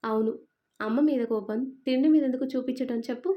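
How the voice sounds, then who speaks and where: A woman's voice: fairly high pitch, fairly quick, highs cut off, lightly acted. A woman reading a story voicing a young husband who speaks in a soothing, earnest way. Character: caring young husband, calm and reassuring.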